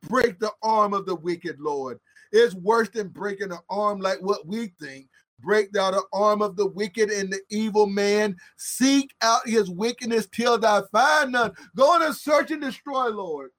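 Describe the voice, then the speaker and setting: A man preaching a fiery sermon on a psalm, swinging from hushed asides to drawn-out shouted emphasis in a repetitive, driving cadence. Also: high-pitched.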